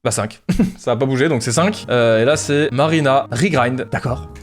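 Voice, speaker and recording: A man narrating a casual vlog, excitable, swearing and joking to himself as he goes. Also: medium pitch. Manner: fast, excitable, swearing, jokey asides. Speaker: YouTuber.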